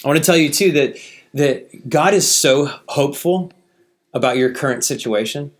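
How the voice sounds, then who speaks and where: A man's voice: a little high, moderate pace. A man preaching a sermon in a casual, conversational way, reading scripture aloud and asking the listeners rhetorical questions.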